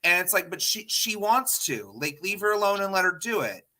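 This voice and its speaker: A man in his thirties co-hosting a casual podcast panel, talking in a blunt, animated way and swearing freely. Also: sits high, fairly quick. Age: 30s. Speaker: podcast co-host.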